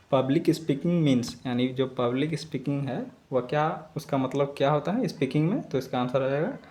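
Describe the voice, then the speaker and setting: A man's voice: medium pitch, a little mellow. Male tutor reading through exam questions. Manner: reads English questions slowly then explains in Hindi. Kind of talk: explaining quiz answers in Hindi lesson.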